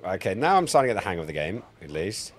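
A man in his forties with a low, sing-song voice talks quickly, joking, swearing, and rambling as he plays a game on a live stream. Soft background music plays in his indoor home streaming setup, and he speaks into a close mic on a boom arm.

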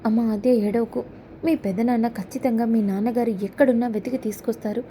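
A caring, middle-aged motherly woman, voiced by a woman narrating a serial recap. She speaks gently and soothingly in a warm, darker voice pitched a little high. Faint noise hums underneath. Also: fairly even intonation, a little fast, close to an everyday voice.

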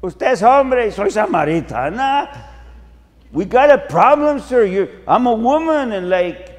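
A man's voice: very high voice, very animated, slow, pitched above the performer's own voice, heavily acted. A man putting on a flustered young Samaritan woman. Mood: startled. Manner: chatty, filler-heavy "like" talk. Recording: long hall reverb.

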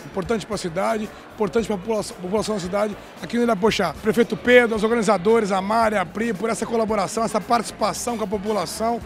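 A man's voice: high voice, soft background music. A young city councilman giving a rousing statement into a handheld mic at an indoor event. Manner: rapid, rousing, politician's delivery.

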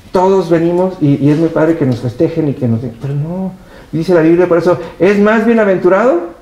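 A man's voice: a little high, dark tone, lo-fi sound. A man with a Mexican accent, a pastor preaching a sermon and speaking directly to his congregation. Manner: emphatic preaching, repeats words and addresses the congregation directly. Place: church service held in a hotel hall. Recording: echoey hall.

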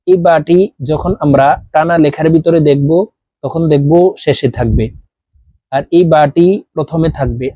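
Slow, chanting male Quran teacher. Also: on the high side, dark tone, no echo. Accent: Bangladeshi Bengali. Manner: drawn-out chanted letter names. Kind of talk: slow letter-by-letter lesson.

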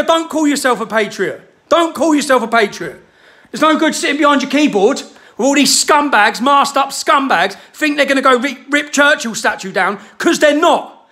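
A man delivering an angry, shouted political rant to camera, swearing heavily. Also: very high voice. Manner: furious, shouting, heavy swearing. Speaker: vlogger.

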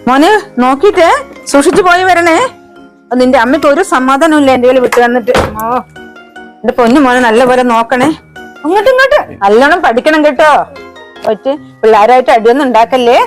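A woman's voice: high-pitched, fast, long pauses, rough recording. A woman acting as a fussy, doting grandmother in a family sketch, with light music behind. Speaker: grandmother character.

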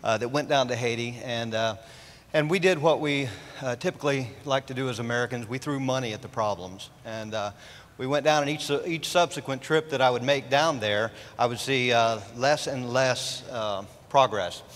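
A middle-aged man speaking to the congregation from a large church stage, halting with many fillers. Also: medium pitch, a bit bright. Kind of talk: church testimony. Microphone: handheld mic. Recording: long reverb of a large church.

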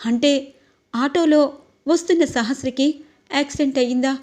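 A humble young wife with a polite, gentle way of speaking, as a woman storyteller puts her on. The voice is fairly high and close to the storyteller's own. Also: normal speed, close to an everyday voice.

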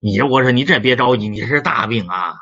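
A man's voice: mid-range voice, fairly quick, bright, forceful tone. A middle-aged man, a Chinese medicine teacher telling a clinic story in a lecture, often repeating and restarting words. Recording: dull lo-fi recording.

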